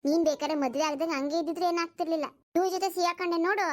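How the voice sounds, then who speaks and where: Woman playing outspoken cartoon village women, very high-pitched and blunt. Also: steady tone, racing, no echo, studio quality. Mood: sympathetic. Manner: scolding, blunt village talk. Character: scolding village women, friends of Jayakka. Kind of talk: cartoon voice acting.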